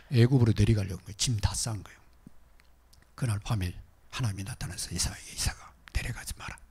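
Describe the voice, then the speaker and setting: A man preaching a sermon as pastor, moving between loud exhortation and hushed asides. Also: on the low side, husky.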